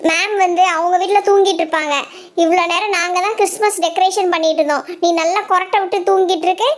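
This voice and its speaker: A woman's voice: extremely high pitch, fairly even intonation, fast talker. A woman voicing Reni, a schoolgirl doll who scolds and teases her dreaming friend in a doll story. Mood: teasing. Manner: scolding, teasing, bossy.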